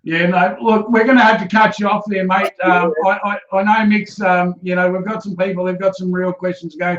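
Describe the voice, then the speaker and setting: A man's voice: sits high, little pitch movement, fairly quick, fairly bright tone. A man with an Australian accent hosting a live stream in a casual, chatty style. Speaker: live-stream show host. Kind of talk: casual chat. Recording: roomy, slightly dull live-stream audio.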